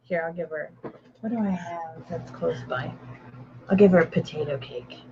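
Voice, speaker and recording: A woman's voice: on the low side, moderate pace, dull audio, background noise. A woman author hosting a casual writing stream from home, chatting and rambling with restarts and talking to her dog. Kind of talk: casual chat.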